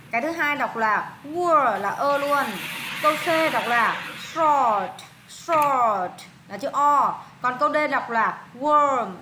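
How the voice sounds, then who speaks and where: A woman with a Vietnamese accent patiently tutors one student in English pronunciation, repeating words and prompting for answers. Her voice sits high, and the recording is reverberant with background noise.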